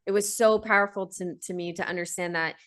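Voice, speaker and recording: A woman hosts a podcast interview in a casual, chatty way. Her voice sits on the low side and has a bright, forceful edge as she affirms and sets up her guest. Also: fairly even intonation, fast. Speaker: podcast host.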